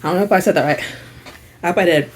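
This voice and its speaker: A young woman vlogger tells a story in casual, slangy, animated chat, speaking rapid-fire at a fairly low pitch. She drops into hushed asides and then rises to loud, exasperated bursts.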